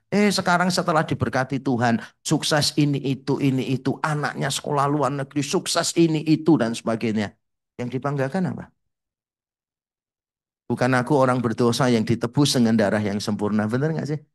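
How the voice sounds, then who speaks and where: Male pastor, slightly high voice, lively storyteller in the pulpit. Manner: animated storytelling, acts out quotes with pitch jumps; mixes English phrases into his preaching. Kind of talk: sermon.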